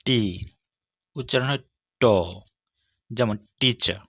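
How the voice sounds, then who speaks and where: A man giving a steady, measured lesson as an English teacher, walking through letters one by one. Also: medium pitch, no echo, clean studio sound. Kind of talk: scripted lesson on English consonant sounds.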